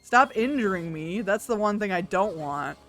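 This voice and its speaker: A woman's voice: medium pitch, expressive, normal speed, a bit bright. A woman streams a game with a mid-range voice and chats casually as she plays. She is playful and wry and swears freely. Music runs behind her. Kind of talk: casual chatty game commentary.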